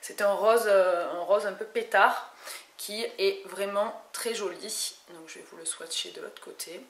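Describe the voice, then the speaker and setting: A beauty vlogger from France, speaking a bit slowly in a creaky, mid-range voice with fairly even intonation, casually chats through her haul, frequently hesitating and rephrasing. She's in a home room that echoes, with faint noise.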